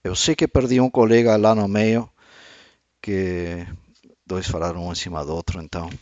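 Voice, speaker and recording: A man with a low voice and a Brazilian accent runs an amateur radio net. He reads out spelled call signs in roll-call fashion, in a dry sound with no room around it. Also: little pitch movement, normal speed, darkish tone, no room sound, lo-fi sound.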